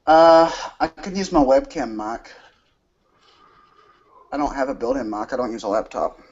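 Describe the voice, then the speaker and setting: A man's voice: medium pitch, moderate pace, a little mellow. A man co-hosting a podcast over a webcam mic, talking in a hesitant, self-deprecating way. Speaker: podcast co-host. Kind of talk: casual podcast chat. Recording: dull, husky webcam audio.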